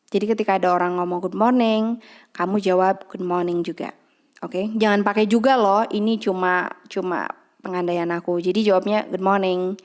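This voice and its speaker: A woman's voice: fairly low pitch, a little mellow. Chatty young woman teaching English. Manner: chatty, repeats example phrases slowly. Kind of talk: casual online lesson.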